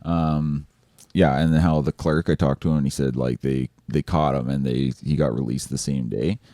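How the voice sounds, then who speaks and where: A man's voice: very deep voice, steady tone, moderate pace, mellow, no echo, clean studio sound. A man co-hosting a podcast, telling rambling anecdotes in casual chat. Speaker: podcast co-host.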